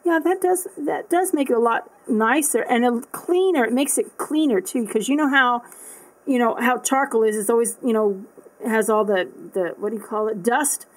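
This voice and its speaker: A woman with a slightly high voice narrates an art supply unboxing video at a normal speed on a rough recording. Casual and unscripted, she rambles and thinks aloud, trailing off, restarting, and using plenty of fillers.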